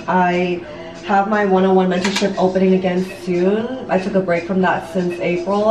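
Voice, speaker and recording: This late-twenties woman, a vlogger and online business coach, has a lowish voice and talks candidly to viewers while doing her makeup in her bathroom at home. Her casual confessions ramble slightly, sprinkled with "like," "you know," and some swearing. Sound comes from a distant camera mic a step or two off, in an echoey room.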